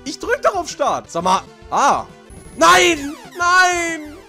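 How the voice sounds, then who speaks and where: A man doing gameplay commentary as a let's play host, prone to shouted outbursts and swearing, with game music behind him. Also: very high voice, very animated, slow. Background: video game music.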